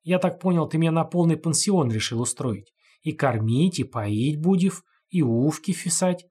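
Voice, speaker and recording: A man's voice: lively intonation, normal speed, darkish tone, slightly rough. A man voicing a crazed, mocking man who giggles and lisps, in a storybook reading. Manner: shrill mocking giggles, lisping.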